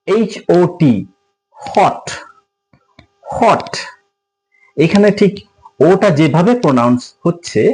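Man teaching, lively pitch. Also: low-quality recording. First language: Bengali. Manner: spells words letter by letter, then repeats the sound. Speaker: English tutor. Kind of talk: spoken language lesson at a board.

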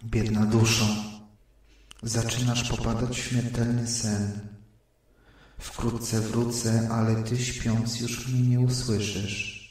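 A man's voice: medium pitch, flat delivery, slow, lightly acted. A man voicing a grave, tender divine speaker. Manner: gentle, admonishing. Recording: heavy room reverb.

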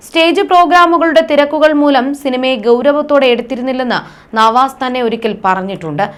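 A woman presenting a scripted news report in a formal, even reading style. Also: fairly high pitch.

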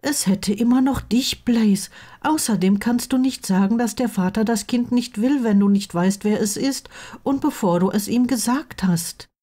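A woman's voice: fairly high pitch, moderate pace, pitched above the performer's own voice, lightly acted. A woman voicing an earnest, insistent blond teenage wizard boy in an audiobook reading of fan fiction. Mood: urging. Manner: insistent, pleading, raised lively delivery.

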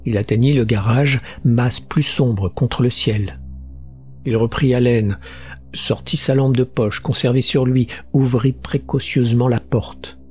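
Man, audiobook narrator, horror story, measured and steady, middle pitch, faint music behind.

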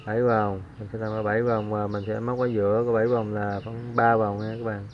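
Man, flat tone. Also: on the low side, fairly quick, dull audio, slight background noise. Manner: relaxed, counting aloud while working. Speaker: fishing channel host. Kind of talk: casual hands-on tutorial.

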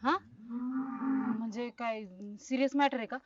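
A performer playing a chatty, fussy village aunt in a comedy sketch, who talks plainly until she turns shrill and alarmed. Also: fairly even intonation, a little slow, no room sound, dull audio, lightly acted. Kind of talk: rural comedy sketch acting.

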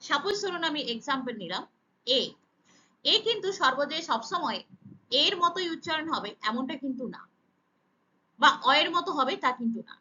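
High, bright-voiced woman teaching slowly. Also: animated, muffled recording. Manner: spells out letter sounds one by one, drawn-out and emphatic. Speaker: English pronunciation teacher. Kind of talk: slow, deliberate pronunciation lesson.

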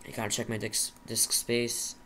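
A man's voice: mid-range voice, monotone, normal speed, pushed and bright, a little hiss or hum. A nervous young man rambling to himself while commentating a survival game he is playing. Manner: jittery, rambling, talks to himself. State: nervous, shaky. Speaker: gaming channel host. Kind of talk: Minecraft commentary.

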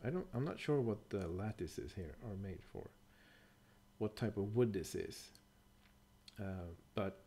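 A man's voice: on the low side, dark tone. A middle-aged man giving a casual, explanatory voice-over, thoughtful and a little hesitant, with fillers and self-corrections. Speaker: bushcraft presenter.

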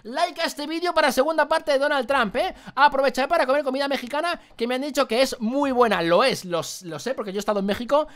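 A man's voice: extremely high pitch, fast talker, hardly any pauses, fairly bright tone. A man with an accent from Spain, giving jokey gameplay commentary and muttering to himself as he plays. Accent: Spain Spanish. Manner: jokey, exclaiming, muttering to himself while playing. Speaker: gaming youtuber.

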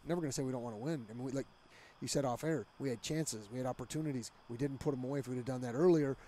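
A middle-aged head soccer coach speaks candidly in a postgame interview, chatty and full of fillers, through a headset mic in a small studio with a green backdrop. His medium-pitched voice is mellow and very fast, with a little hiss or hum.

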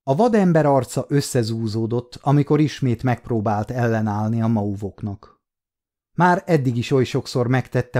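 A man reading an audiobook in a steady, measured manner as scripted narration. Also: mid-range voice. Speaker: audiobook reader.

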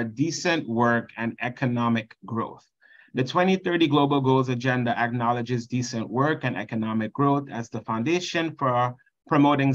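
A man's voice: medium pitch, dull audio. A man in his thirties from Trinidad and Tobago with a Trinidadian accent, earnestly presenting slides at a conference on a video call. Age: 30s. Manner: earnest, reads slide text then explains.

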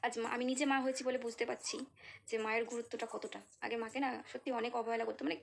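A woman's voice: on the high side, flat delivery, fast, vocal fry, slight background noise. A young woman with a Bengali accent, chatting casually in a home vlog, sounding tired and unwell. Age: young adult. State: feeling unwell. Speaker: vlogger. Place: home kitchen and courtyard.

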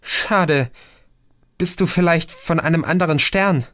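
A man voicing an excited, curious young woman in a read-aloud story. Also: a little high, a little slow, pitched above the performer's own voice.

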